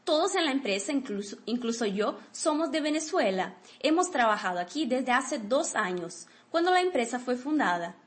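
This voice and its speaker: A woman's voice: high-pitched, very animated, moderate pace, few pauses. A woman reading a polite male office worker. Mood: courteous. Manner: plain, courteous textbook reading.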